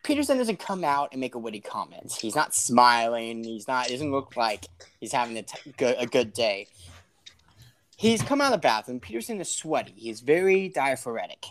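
A young man co-hosting a podcast, telling a story in a dramatic, deadpan way. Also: medium pitch, normal speed. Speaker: podcast co-host. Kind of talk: casual storytelling.

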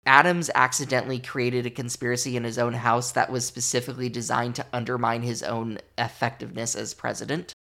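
A man hosting a history podcast in a loose, conversational way. His voice has a gravelly, fried texture, and he sits at an ordinary middle pitch. He wanders into wry asides as he talks. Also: level tone, brisk, hardly any pauses, sharp tone. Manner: wry, chatty, digressive. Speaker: podcast host. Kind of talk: casual history podcast commentary.

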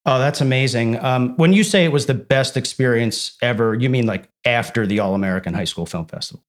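A man hosting an interview podcast, delivering a polished scripted introduction, then moving into relaxed, joking questions. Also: medium pitch, fairly quick. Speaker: podcast host.

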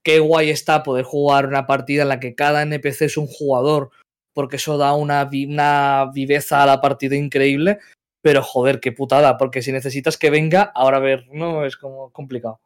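A man telling a lively, swearing anecdote as an interview guest. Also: medium pitch, brisk, clean tone. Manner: animated, swearing, storytelling. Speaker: guest, tabletop game player. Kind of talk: casual interview chat.

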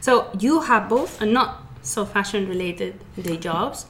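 A woman's voice: mid-range voice, lively intonation, moderate pace, gravelly, crowd noise. A woman hosting a casual interview podcast, asking friendly, prompting questions. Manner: friendly, laughs often, prompting. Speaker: podcast host. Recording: echoey room with faint ambience.

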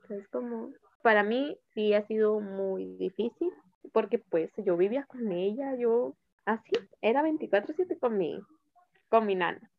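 Young Mexican woman, gravelly and tinny. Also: mid-range voice, no room sound. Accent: Mexican Spanish. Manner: hesitant, halting, searching for words. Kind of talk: personal storytelling about grief. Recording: tinny phone-like sound.

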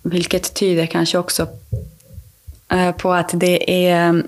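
A woman speaks as a podcast guest with a somewhat low voice and a gravelly, fry-laden texture. She tells her story in loose, conversational talk. She restarts her sentences and leans on fillers as she goes. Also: completely flat delivery.

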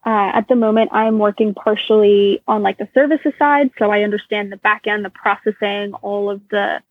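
Over a tinny phone line, a native Russian-speaking woman in her twenties answers interview questions thoughtfully, with small fillers, in a casual conversation as the guest. Her voice is medium-pitched at normal speed, with no echo.

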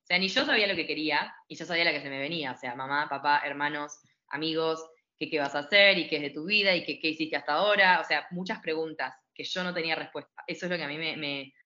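Argentine woman, low-pitched, lively storyteller, lo-fi audio. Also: fast talker, hardly any pauses. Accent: Argentine Spanish. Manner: lively storytelling, acts out quoted voices. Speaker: guest. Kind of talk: casual interview.

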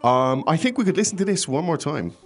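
Loud music plays behind a fast-talking man with a fairly high voice who hosts a podcast language lesson. He is from abroad, teaching in China, and explains in a relaxed manner with lots of hesitations.

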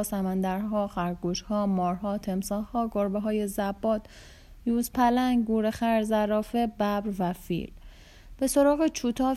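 Female audiobook reader with a warm, mellow voice and steady pacing for literary fiction. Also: mid-range voice. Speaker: audiobook narrator. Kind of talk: reading a novel aloud.

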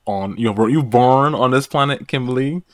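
A man co-hosting a podcast, teasing his co-host and reacting quickly in casual chat. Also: medium pitch, no room sound, studio quality.

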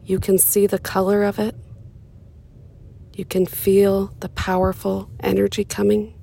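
A woman with a mid-range, monotone voice leads a guided meditation, speaking gently and slowly. Pauses fall between her short phrases, and her soft voice sometimes becomes breathy.

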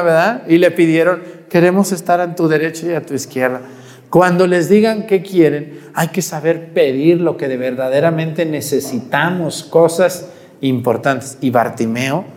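A man's voice: fairly high pitch, a little mellow, long reverb tail. A man preaching a sermon, asking the congregation questions and answering them himself.

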